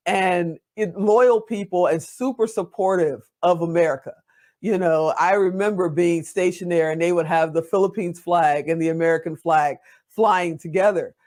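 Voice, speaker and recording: A woman's voice: on the low side, normal speed, darkish tone. A woman in her fifties hosts a talk show interview. She is a veteran who chats in an encouraging, rambling way. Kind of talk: interview conversation.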